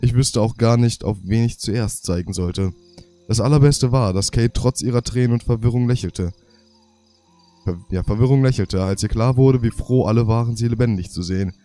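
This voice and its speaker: A warm, medium-pitched male voice at a moderate pace belongs to a young man reading diary pages in a game for his let's play. He has a cold and a half-stuffed nose, and he stumbles and self-corrects as he goes.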